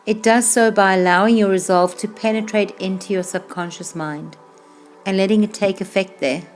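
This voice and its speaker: With music playing behind her, a woman yoga instructor guides a meditation slowly and calmly. Her mid-range voice is soothing, and her unhurried phrases trail off softly.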